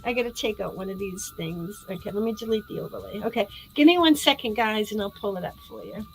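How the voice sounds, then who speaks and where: A middle-aged woman hosting a casual spiritual live stream, chatty and excitable, swearing casually and drifting away from the mic at times. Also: medium pitch, fast talker, poor audio.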